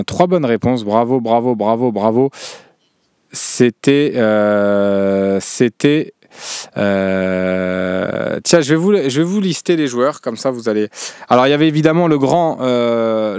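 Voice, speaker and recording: A man's voice: mid-range voice, darkish tone, smooth, no room sound, clean studio sound. Hesitant man hosting a live quiz. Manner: hesitant, many fillers and restarts. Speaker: show host. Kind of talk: casual live show chat.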